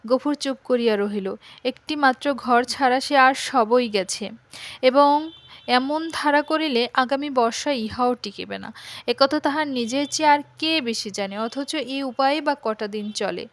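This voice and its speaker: High-voiced woman narrating a classic story. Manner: measured, expressive storytelling. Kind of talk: literary audiobook narration.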